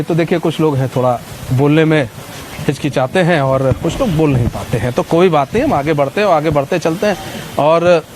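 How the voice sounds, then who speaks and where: A man's voice: a little high, slight background noise. A man reporting on the street, talking to camera and questioning traders outdoors. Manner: brisk, talks to camera, asks leading questions. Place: outdoors on a cold market street.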